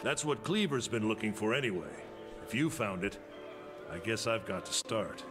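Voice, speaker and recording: A man's voice: lowish voice, expressive, normal speed, close to an everyday voice. An actor playing a weary, grumbling male blacksmith in a game, blunt and grudging. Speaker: game character voice. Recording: game audio with music behind.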